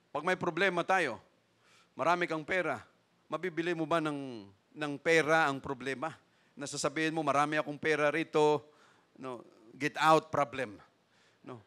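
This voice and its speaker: A pastor's voice, high and bright, carrying a sermon. He reads scripture and keeps checking in with his listeners, swinging between hushed asides and loud, forceful calls. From Philippines. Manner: mixes scripture reading with tag questions, swings from quiet to shouting.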